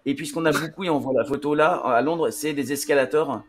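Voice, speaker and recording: A man's voice: fairly high pitch, brisk. A man teaching English pronunciation on a TV show, talking with many fillers and restarts. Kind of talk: classroom-style TV lesson.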